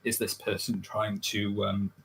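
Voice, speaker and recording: A man debating on a livestream, talking in a hesitant, measured way and often restarting his phrases. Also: lowish voice, monotone, gravelly, a bit bright, slight background noise. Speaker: debate guest.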